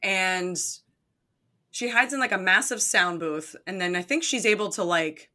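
Woman chatting about a movie, says like a lot, bright tone. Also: medium pitch, a little slow. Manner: filler-heavy, lots of "like", laughs easily. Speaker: podcast co-host. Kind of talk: casual chat recapping a movie.

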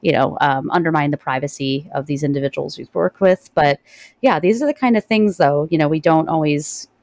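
A woman's voice: low voice, fairly quick, darkish tone, dry recording, studio quality. A woman hosting a podcast in a casual, conversational chat style. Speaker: podcast host.

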